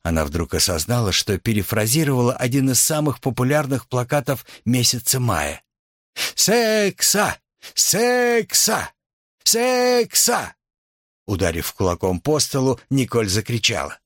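A man narrating a novel as an audiobook in an expressive, dramatic storytelling manner. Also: mid-range voice, brisk, hardly any pauses, no echo, studio quality.

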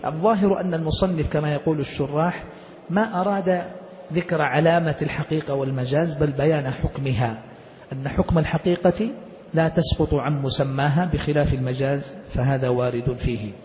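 Here a male sheikh explains a classical jurisprudence text in steps and quizzes his students along the way. He talks briskly in a fairly high, darkish voice over slight background noise, captured in a dull, lo-fi recording with long hall reverb.

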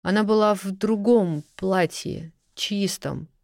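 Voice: mid-range voice, steady tone, a little slow, no room sound, clean studio sound, close to an everyday voice. A reader voicing a frightened young serving girl who pleads and sobs as she talks. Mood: pleading. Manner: pleading, sobbing, breathless.

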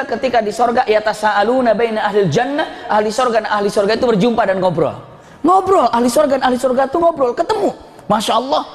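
A man, preaching a Ramadan talk with animated storytelling and jokes with the audience. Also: very high-pitched. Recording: long hall reverb.

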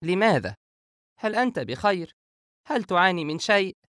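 A man's voice: sits high, sing-song, fast, no echo, studio quality, voice pushed up. A man voicing an older woman, a grandmother who teases her brothers and frets over them in an audiobook. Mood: worried. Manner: teasing, then anxious and insistent. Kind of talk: audiobook character voice.

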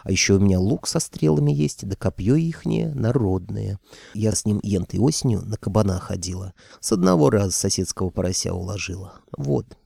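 A man's voice: lowish voice, lively intonation, a little fast, vocal fry, dark tone, slightly rough, no echo, clean studio sound, heavily acted. A man voicing a young female kikimora who is eager, boastful and cheeky. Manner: bowing, chattering, cheeky.

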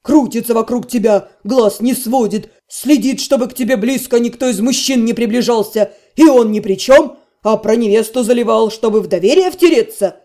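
A hot-tempered blond male mage bellows gruff accusations, as a woman reading a fantasy audiobook drops her voice for him. His voice is dark and mellow, pitched lower than the narrator's own. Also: normal speed, natural voice. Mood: enraged.

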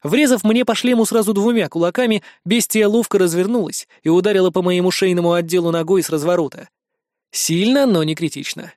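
A man narrates a first-person action novel in a brisk, dramatic reading. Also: high-pitched, a little mellow, dry recording, studio quality. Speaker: audiobook narrator.

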